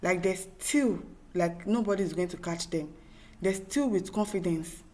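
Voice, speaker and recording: A Nigerian-accented woman hosts an opinionated news commentary talk show, reading viewer comments with emphatic exasperation, repeating herself and throwing out rhetorical questions. Her voice is lowish, warm and unhurried.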